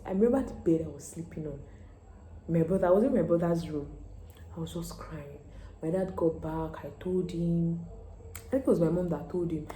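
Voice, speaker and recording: A Nigerian woman in her twenties telling a story in a casual vlog, animated and quick to laugh, acting out the people in it. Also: on the low side, echoey room, a little hiss or hum, poor audio. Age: 20s. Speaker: medical student vlogger.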